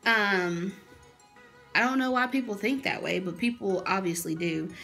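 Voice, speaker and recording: A woman's voice: medium pitch, measured pace, vocal fry, a bit bright, soft background music. A woman in her early twenties, talking straight to camera in a blunt, fired-up, swearing casual rant from a small room. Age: early 20s. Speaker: vlogger.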